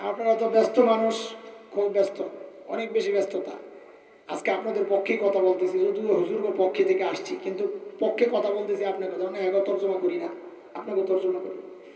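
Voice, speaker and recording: High-voiced man preaching in an echoey hall. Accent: Bangladeshi Bengali, colloquial. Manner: animated, chanting Arabic verses in a drawn-out sing-song; asks the crowd questions and jokes with them. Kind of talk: Islamic sermon. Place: mosque or large gathering. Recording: echoey, distant mic with faint noise.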